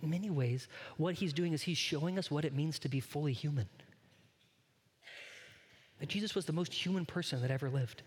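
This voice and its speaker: Brisk yet pausing often, this man's somewhat high, slightly mellow voice leaves a long reverb tail. He is a pastor giving an earnest, conversational sermon and regularly turns to talk directly to his congregation.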